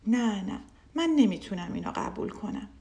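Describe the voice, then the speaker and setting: A woman's voice: medium pitch, lively intonation, warm tone, natural voice. A kind, clever old village man from a children's storybook, as a woman narrator puts him on. He talks earnestly and pleads, with a voice that rises and falls a lot. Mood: worried.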